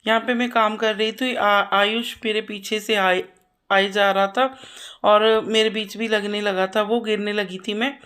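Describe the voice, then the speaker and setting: A woman's voice: mid-range voice, fairly even intonation, measured pace, a bit bright, smooth. A woman in her thirties, a mother narrating her household chores in a homely, chatty voice-over, repeating herself often. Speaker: vlogger and mother.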